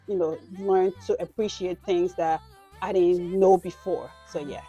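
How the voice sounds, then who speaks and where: A woman's voice: lowish voice, fairly even intonation, measured pace, mellow, breathy edge, dull audio, faint music behind. A woman in her thirties from Liberia, a business owner answering interview questions casually, with lots of "you know" fillers.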